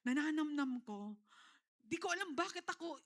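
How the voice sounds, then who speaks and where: A woman's voice: high-pitched, expressive, normal speed. A middle-aged woman pastor with a Filipino accent, preaching a sermon to a congregation, calling out to them again and again. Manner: preaching in mixed Tagalog and English, with repeated calls to the congregation. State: tearful.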